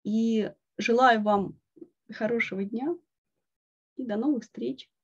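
Woman reading aloud to children, expressive, fairly high voice, husky. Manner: expressive, slow storytelling. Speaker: children's story reader. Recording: dull lo-fi online call.

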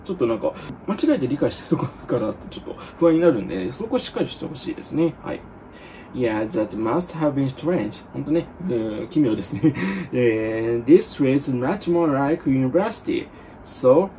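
A male tutor casually explaining exam grammar answers to students, with joking asides, reading English examples slowly and carefully. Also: a little high, darkish tone, a little hiss or hum.

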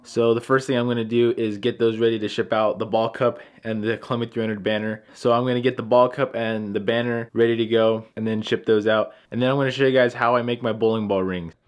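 A young man vlogging casually to camera from his home workshop and his car, relaxed and full of "like" fillers. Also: medium pitch, fairly quick, few pauses. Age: young adult. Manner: relaxed, talks straight to camera with frequent "like" fillers. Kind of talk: casual vlog narration.

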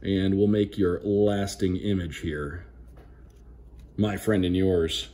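A low, mellow male voice with a steady tone moves slowly through a card unboxing. The host, a hockey play-by-play broadcaster, keeps the commentary casual and upbeat, naming players like a sports announcer.

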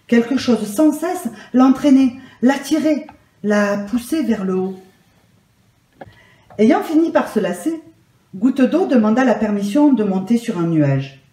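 A woman telling a children's story aloud in a calm, measured and soft way. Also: medium pitch. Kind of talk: gentle read-aloud storytelling. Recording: roomy echo.

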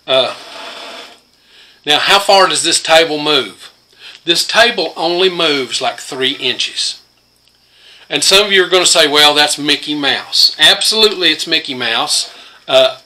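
A homesteader and host, an older man, walks through his tools in his home workshop in a casual, rambling, plain-spoken way full of fillers. His voice is a little high with a sharp tone, picked up by a phone camera close to the workbench.

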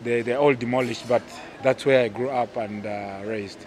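A Ugandan-accented man in his thirties, his country's goalkeeper and captain, gives hesitant, filler-heavy answers in a casual interview by an outdoor pool. He speaks in a mid-range, darkish voice with fairly even intonation at a moderate pace, into a handheld mic with slight background noise and outdoor ambience.

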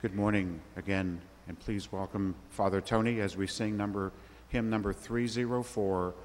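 A man's voice: lowish voice, fairly even intonation, moderate pace, big-room sound, a little hiss or hum. A man, a cantor, greeting the congregation and plainly announcing a hymn number in a monastery chapel. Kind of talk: church announcement.

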